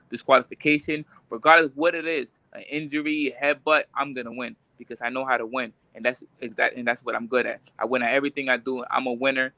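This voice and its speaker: A man's voice: medium pitch, pushed and bright, no echo. A man from Puerto Rico, a boxer, talking confidently and insistently in an interview, often repeating himself. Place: remote live stream.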